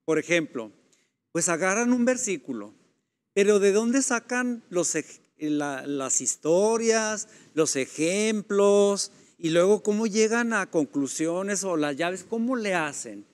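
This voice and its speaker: A man telling stories in a lively way during a casual Bible discussion. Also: sits high, slow. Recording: long reverb.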